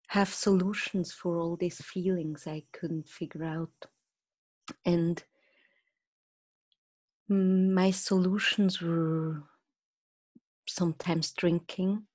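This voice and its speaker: A woman from Switzerland with a Swiss German accent, a podcast guest on a video call, telling a personal story in a hesitant, soft-spoken way with many fillers. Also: fairly low pitch, dry recording, studio quality. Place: small room indoors. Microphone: video call with earbuds.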